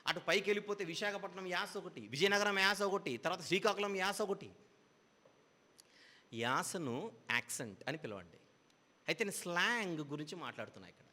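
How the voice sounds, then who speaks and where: Bright-voiced male preacher in a hall. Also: high voice, lively intonation, fairly quick, long pauses. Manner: explains patiently with repeated parallel phrases. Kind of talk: Bible teaching sermon.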